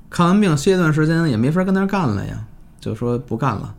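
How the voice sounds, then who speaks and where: Man telling a spooky story, lively pitch. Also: moderate pace, gravelly. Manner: animated, jumps pitch for drama, swears casually. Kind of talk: casual horror story telling.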